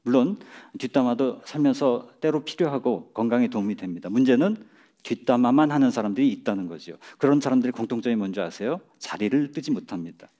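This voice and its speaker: A middle-aged man giving a public lecture on a stage, speaking in a measured way and chuckling at his own jokes. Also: medium pitch, animated, warm tone. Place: lecture stage before an audience.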